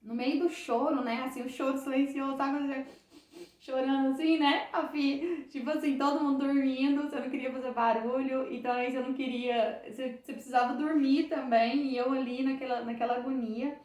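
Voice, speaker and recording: A woman's voice: sits high, steady tone, brisk, hardly any pauses, darkish tone, reverberant, recorded from a distance. A woman with a Brazilian Portuguese accent giving an emotional church testimony to a group of women, retelling it with heartfelt repetition and many restarts.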